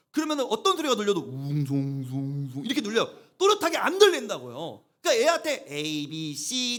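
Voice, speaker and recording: A man in his thirties, a pastor preaching a sermon in a church, animated and acting out little voices and sounds to make his points. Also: sits high.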